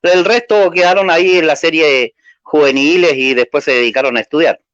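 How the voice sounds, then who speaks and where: The dry, lo-fi, echo-free recording captures a Chilean-accented man from Chile whose voice is a little high and a bit bright, his pace a little fast. A guest in a casual interview, he comes across as hesitant and slightly nervous, with lots of fillers.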